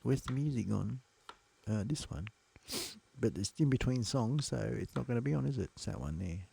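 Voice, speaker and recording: This host's voice is medium-pitched, warm, and slightly rough, with vocal fry, lively intonation, and normal speed, though a blocked nose makes it somewhat nasal. He keeps his casual livestream loose, upbeat, and repetitive as faint music plays behind him.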